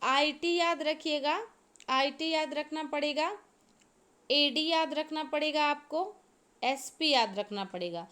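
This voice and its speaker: Taking it slowly, a woman teacher in a high, bright and forceful voice runs through an exam-prep lecture point by point. Key terms come up again and again, and she has the class respond.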